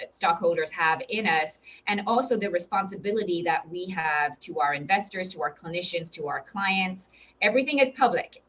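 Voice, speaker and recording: An Irish woman who works as a recruitment director gives an upbeat, encouraging webinar presentation, often using fillers and restarting sentences. Her voice is on the low side and a bit bright, and the recording sounds muffled.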